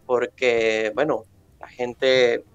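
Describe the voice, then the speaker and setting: A man speaks in a measured, formal way as an interview guest, often pausing on fillers. The sound is close and dry. A faint music bed sits behind him. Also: medium pitch, little pitch movement, clear, resonant tone, no room sound, highs cut off. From Venezuela. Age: 20s.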